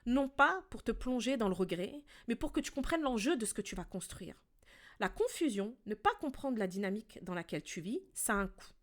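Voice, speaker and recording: Speaking calmly and directly to the listener, a woman hosts a relationship podcast, coaching through a scripted monologue. Her voice is slightly high and her pace a bit quick.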